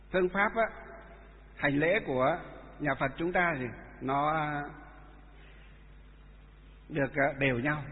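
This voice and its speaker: Monk guy w preaching, kinda high voice, lots of uh's, sounds like a phone in a big echoey hall. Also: phone-quality sound. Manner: halting, many filler sounds. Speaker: Buddhist monk teacher. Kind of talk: dharma talk with storytelling.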